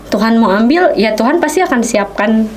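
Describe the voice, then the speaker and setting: A woman, a guest on a podcast, telling a personal testimony in a lively way and acting out what people said. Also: on the high side, normal speed, a little hiss or hum. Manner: animated storytelling, acts out quoted speech. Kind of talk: casual podcast interview.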